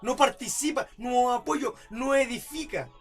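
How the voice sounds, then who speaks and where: A man's voice: very high-pitched, a little slow, soft background music. A man preaching a sermon as pastor, repeating rhetorical questions and building to emphatic outbursts. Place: church service.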